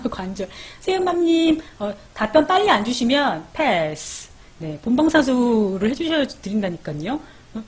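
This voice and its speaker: A woman's voice: mid-range voice, slightly rough. A woman hosting a live parenting stream, chatting casually as she reads viewer comments, calls out their names and gives baby sleep tips.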